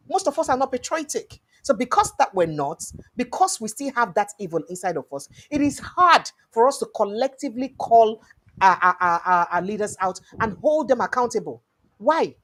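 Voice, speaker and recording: A woman's voice: fairly high pitch, big pitch swings, moderate pace. A woman with a Nigerian accent hosting a call-in show, chatting her views in casual commentary and slipping into pidgin. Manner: chatty, mixes pidgin, laughs between points. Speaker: talk show host.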